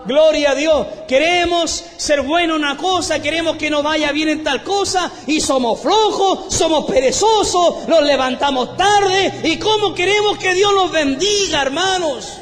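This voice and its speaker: A man preaching a fervent sermon as pastor, with a Chilean accent, often breaking into shouted praise. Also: extremely high pitch, a little slow, hardly any pauses, in a large hall. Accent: Chilean Spanish.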